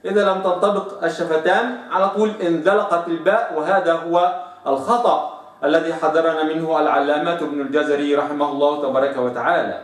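A man teaching Quranic recitation rules, stretching out example words slowly to demonstrate sounds. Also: fairly high pitch, fairly even intonation, echoey room, far from the mic. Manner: drawn-out slow recitation of examples. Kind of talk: tajweed lesson with slow demonstrations.

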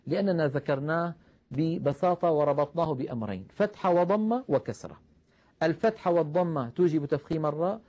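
A man teaching the rules of Quran recitation, explaining patiently, calling his listeners brothers and slowing down to recite example verses. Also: fairly high pitch, a little mellow. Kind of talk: tajweed lesson.

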